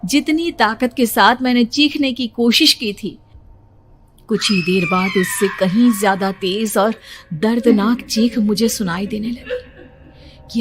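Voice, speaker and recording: A woman telling a first-person horror story for a cartoon, tense and fearful, breaking into screams. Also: a little high. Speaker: narrator.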